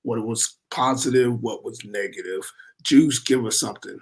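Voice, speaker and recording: A man hosting a sports podcast, hoarse and straining because he has lost his voice. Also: mid-range voice, moderate pace. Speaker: podcast host.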